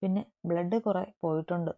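A woman voicing a calm doctor who reassures a worried family in a story reading. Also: lowish voice, fairly quick, lightly acted. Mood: reassuring. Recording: tinny phone-like sound.

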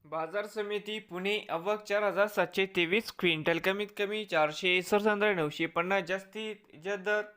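A host from Maharashtra, India reads a farm market price report. The delivery is formal and scripted. The figures come one after another in a steady, even way. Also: medium pitch, moderate pace, clear, resonant tone. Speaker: channel host reading crop market prices.

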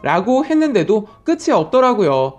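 A woman reading a listener's story aloud, telling it in an indignant, expressive way. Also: medium pitch, moderate pace. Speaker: story reader.

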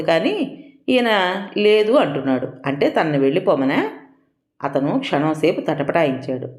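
A woman's voice: low-pitched, darkish tone. A woman narrating a novel as an audiobook, reading expressively. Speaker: storyteller. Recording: echoey room.

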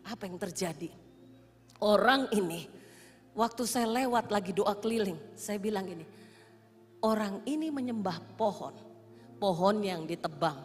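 A woman pastor preaching a sermon in a large church, telling stories that swing from hushed to shouted. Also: mid-range voice, expressive, a little slow, long pauses, faint music behind. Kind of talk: sermon with storytelling. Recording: long reverb of a church hall.

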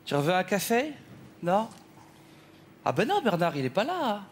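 Man doing a gossipy housewife, high voice, lively swoops, rambling asides, stage sketch, faint noise behind. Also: measured pace, exaggerated voice. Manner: rambling, full of "hein" and asides. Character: chatty gossiping housewife, middle-aged woman.

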